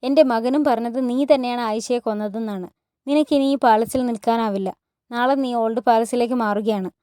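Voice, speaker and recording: A woman's voice: fairly high pitch, moderate pace, dark tone, clean tone, no echo, studio quality, lightly acted. A woman voicing a stern older queen mother who hands down orders in a commanding way.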